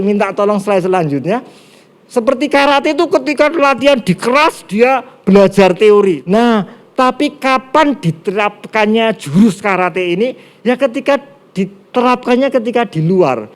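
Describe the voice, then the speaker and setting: A middle-aged man with a Javanese accent preaching a sermon, lively, with quiet asides. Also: high voice. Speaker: pastor. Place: church service streamed online.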